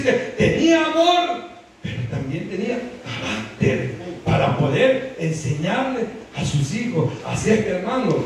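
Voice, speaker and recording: A male preacher with a high voice that leaps up and down as he drives his sermon home. He keeps turning to the congregation for agreement. The sound is distant and drenched in hall echo, with a faint hum of ambience underneath. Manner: animated, keeps calling on the congregation with "hermano" and "¿verdad?". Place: church hall. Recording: very echoey hall picked up from far off.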